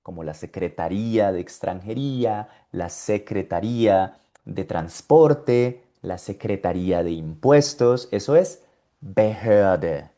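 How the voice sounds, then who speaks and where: A man teaching German pronunciation, speaking deliberately and repeating each word so the learner can copy it. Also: on the low side, expressive, dark tone. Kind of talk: online pronunciation lesson.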